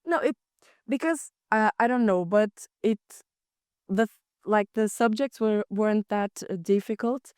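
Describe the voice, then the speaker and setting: A woman's voice: medium pitch, a little slow, a little mellow, smooth, no room sound, studio quality. A young woman co-hosting a casual student podcast, telling stories and acting out quoted lines. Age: young adult. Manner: chatty storyteller who acts out quotes. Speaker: podcast co-host. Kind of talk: casual chat.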